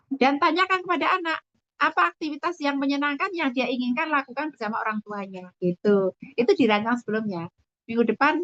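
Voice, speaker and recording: Woman, middle-aged, parenting talk, lively, acts out lines, dry close sound. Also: medium pitch, no room sound. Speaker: parenting speaker. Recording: dry, slightly dull sound.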